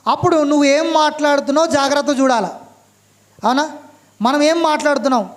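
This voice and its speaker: A man preaching a sermon, stressing each point and asking his listeners "right?" again and again, reading scripture slowly. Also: extremely high pitch, fairly even intonation. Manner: slow, emphatic scripture reading.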